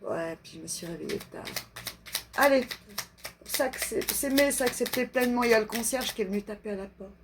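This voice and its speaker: A woman doing a live card reading, slowly reading self-love affirmations aloud and chatting with her viewers between them. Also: a little high, background noise. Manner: slow, drawn-out reading of affirmations, chatty asides. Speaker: energy reader and card reader.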